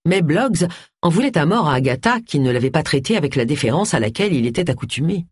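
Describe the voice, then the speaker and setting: A woman reads an audiobook with a low, husky voice and a lively, animated delivery. The recording is dry and close, with no room sound. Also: quick pace, no room sound. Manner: expressive, lively reading. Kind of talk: audiobook narration.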